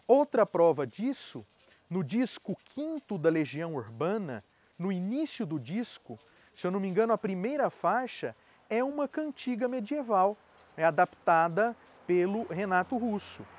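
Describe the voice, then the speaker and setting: A man's voice: sits high, big pitch swings, moderate pace. A middle-aged man, giving a spoken lesson on poetry in an explanatory manner, often adding tag questions. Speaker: channel host.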